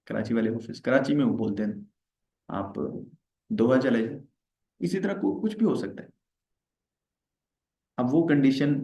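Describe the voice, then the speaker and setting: A man's voice: medium pitch, dark tone. A man teaching a live online tax lesson, chatty, acting out little dialogues and asking viewers questions. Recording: roomy, slightly dull livestream audio.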